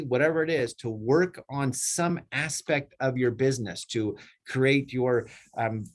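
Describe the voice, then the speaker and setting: A middle-aged man coaches his agents in a loose, rambling team meeting. His voice sits at an ordinary middle pitch and talks at a steady pace. He keeps breaking into raised, playful voices to act out clients. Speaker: real estate team leader coaching agents. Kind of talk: casual coaching talk.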